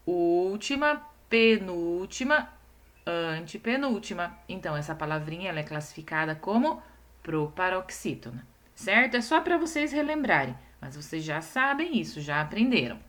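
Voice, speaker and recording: A woman with a deep, fairly bright voice teaches young schoolchildren in a recorded lesson, very animated as she patiently walks them through each step. She stretches out syllables for emphasis and keeps making sure the kids are following.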